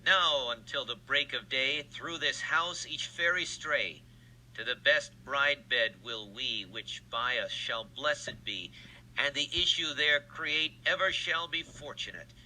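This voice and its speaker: A man's voice: mid-range voice, slow, pushed and bright, heavily acted, low-quality recording. An actor playing a regal, solemn fairy king, speaking a ceremonial blessing in verse. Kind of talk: recorded stage reading of verse.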